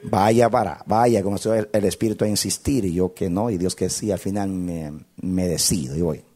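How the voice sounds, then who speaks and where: A male pastor telling a testimony in a sermon, dramatic, swinging from loud to hushed. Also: low voice, fairly even intonation, a little fast, a little hiss or hum.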